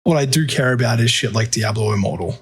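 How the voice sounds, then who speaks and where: A man's voice: medium pitch, fast talker. A man co-hosting a casual gaming podcast, blunt and laid-back, swearing freely. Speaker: podcast co-host.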